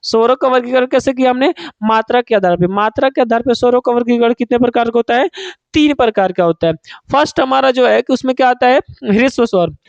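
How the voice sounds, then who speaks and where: Male Hindi tutor, very high pitch, dry close sound, drills students with repeated questions. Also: quick pace, creaky, no echo, highs cut off. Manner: asks students questions and answers them himself; calls students "babu", repeats key points. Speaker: Hindi teacher. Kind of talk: online exam-prep class.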